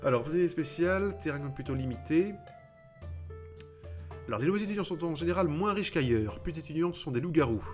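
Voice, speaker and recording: A man's voice: on the high side, expressive, fairly quick, faint music behind. A man hosting a let's play, giving casual gaming commentary, sarcastic and joking, swearing and mocking the game text he reads out.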